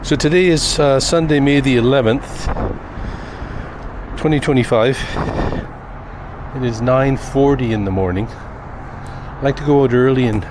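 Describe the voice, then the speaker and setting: This medium-pitched man from Canada delivers a musing, unhurried, wry vlog monologue while walking quiet sidewalks outdoors, as part of his daily vlogging. Recorded on a handheld camera fitted with a wind muff, the clip includes street noise, wind, and cars going by.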